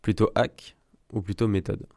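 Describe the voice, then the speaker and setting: A man hosting a casual podcast interview, asking quick questions and giving short, friendly replies. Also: on the low side, fairly even intonation, creaky, a little mellow, no room sound. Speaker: podcast host.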